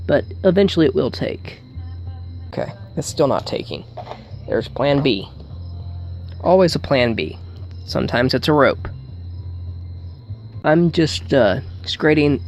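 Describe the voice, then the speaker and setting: A man giving a casual hands-on tutorial, thinking aloud in a halting way as he works, with wry humour. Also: on the high side, vocal fry, darkish tone. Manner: thinks aloud while working, halting, wryly joking. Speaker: hobbyist demonstrating an electronics hack.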